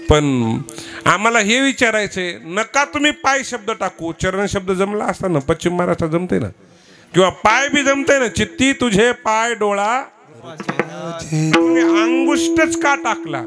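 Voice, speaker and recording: A man with a Marathwada accent preaching a devotional kirtan sermon, questioning and teasing the listeners as he prods the women to answer aloud. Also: a little high. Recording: live event with instrument music behind. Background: musical instruments.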